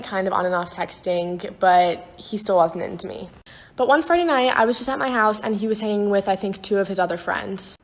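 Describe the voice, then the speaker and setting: A young adult woman telling a casual storytime vlog, chatty and giggly, often breaking into laughter. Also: medium pitch. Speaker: TikTok storyteller.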